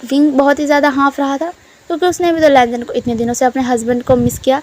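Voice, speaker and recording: A woman's voice: sits high, flat delivery, quick pace, a little mellow. A woman narrating a fan fiction story in a chatty, casual way, doing the dialogue herself. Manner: chatty, giggles while retelling.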